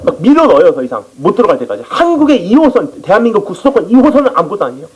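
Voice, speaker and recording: Male missionary preacher, lively sermon delivery, somewhat high and husky. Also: racing, low-quality recording. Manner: animated storytelling testimony. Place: church.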